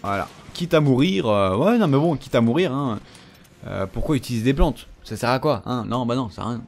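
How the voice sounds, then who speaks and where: A man's voice: medium pitch, animated, fairly quick, gravelly, a little mellow, a little hiss or hum. A man giving casual commentary over his own gameplay, chatty and teasing the enemies he fights. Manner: chatty, taunts enemies, frequent fillers. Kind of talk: casual let's-play commentary.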